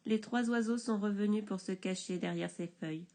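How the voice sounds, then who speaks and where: A woman reading a picture book aloud to young children, expressive and soft in places. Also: mid-range voice, normal speed.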